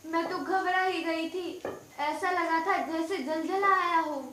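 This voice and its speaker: An actress playing an anxious, devoted old wife who is ill with fever, speaking in a tender, worried way in an audio drama. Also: female voice, extremely high pitch, fairly even intonation, slow, a little hiss or hum, full character voice. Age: older. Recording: very echoey, distant voice under loud music.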